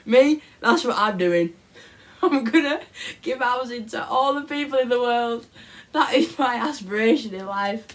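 A woman's voice: fairly high pitch, lively intonation, measured pace. A young woman, co-hosting a casual podcast and teasing her friend with a giggle. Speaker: podcast co-host. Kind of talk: casual banter.

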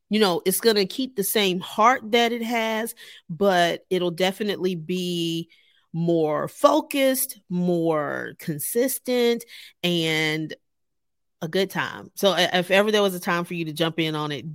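Gravelly-voiced woman hosting a podcast. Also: fairly low pitch, no echo, clean studio sound. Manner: animated, laughs often, talks straight to listeners. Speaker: podcast host. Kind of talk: casual solo podcast talk.

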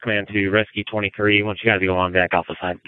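Deep fast-talking male incident commander on radio. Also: flat delivery, clean tone. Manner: businesslike, directive. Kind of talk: fireground radio dispatching. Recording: narrow, phone-like radio audio.

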